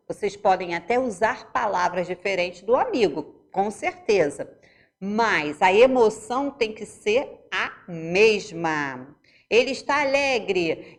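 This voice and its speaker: A woman teacher with a Brazilian Portuguese accent, giving a remote lesson to young pupils, explaining step by step and asking checking questions. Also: medium pitch.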